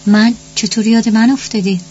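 A woman's voice: on the high side, fairly even intonation, mellow, breathy edge. A woman narrator voicing a cold, proud, sickly middle-aged mother who speaks dismissively. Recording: muffled recording with faint hum.

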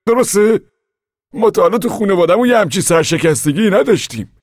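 A man's voice: sits high, animated, no room sound, studio quality, voice pushed up. A man voicing an anxious middle-aged father who pleads earnestly with a neighbor, in an audiobook. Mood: worried, pleading. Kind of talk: audiobook character reading.

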